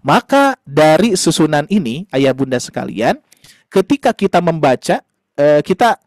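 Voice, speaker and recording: High-voiced male Quran teacher, patient. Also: sing-song, normal speed, no room sound, clean studio sound. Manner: patient, explanatory, addresses parents warmly as "Ayah Bunda"; frequent fillers and tag questions. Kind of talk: online class lesson.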